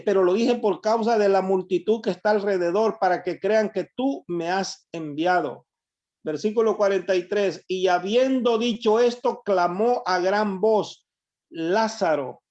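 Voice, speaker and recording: Man, high voice, preaching sermon, reads verses and comments, dull lo-fi sound. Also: darkish tone. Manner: reads verses aloud and comments on them to the congregation. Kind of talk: sermon reading and explaining scripture. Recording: dull lo-fi recording.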